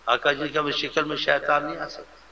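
A man preaching a devotional sermon with fervent, animated delivery, sometimes mimicking how people speak to others. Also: fairly high pitch, creaky, slight background noise. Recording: lo-fi recording with faint ambience.

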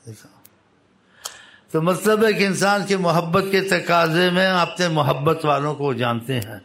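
A man preaching by storytelling, voicing the people in his tale with lifted pitch, with halting restarts and repetitions. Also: fairly bright tone. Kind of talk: storytelling sermon.

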